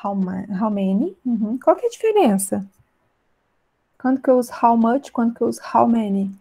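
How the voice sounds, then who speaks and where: Teacher, mellow voice, English examples. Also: female voice, fairly high pitch, lively intonation. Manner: explains in Portuguese, reads English examples slowly and clearly; keeps checking in with "né?" and "tá?". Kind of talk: online class lesson.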